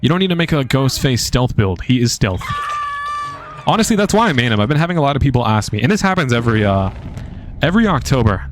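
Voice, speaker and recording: A man streaming a video game and commentating live, casual and excitable, swearing freely. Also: mid-range voice, fast, soft background music.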